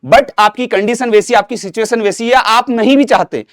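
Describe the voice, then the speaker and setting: A man's voice: very high-pitched, normal speed, no room sound, studio quality. A young man teaching an exam-prep lesson, talking to students like an elder brother and repeating himself with rhetorical questions.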